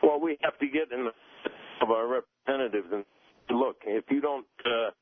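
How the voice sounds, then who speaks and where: A man in his seventies, a guest on a radio talk show, speaking haltingly with many fillers over a phone line that keeps cutting out. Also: medium pitch, no room sound. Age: 70s. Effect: phone line breaking up, cutting out. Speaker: guest caller.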